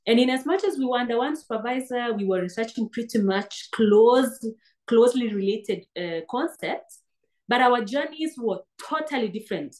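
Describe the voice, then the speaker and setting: Speaking at a moderate pace with a fairly high, darkish voice, a Kenyan woman gives an earnest video-call interview as a guest. She's a PhD graduate who restarts words often. The audio comes from a laptop webcam while she sits on a sofa in an indoor room.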